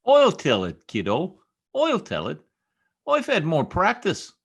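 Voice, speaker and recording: In an old-time radio comedy, a male actor plays a boastful, folksy small-town American husband whose talk is cocky, slangy and ungrammatical. His exaggerated voice sits on the high side, swings hugely in pitch, moves slowly and carries a breathy edge.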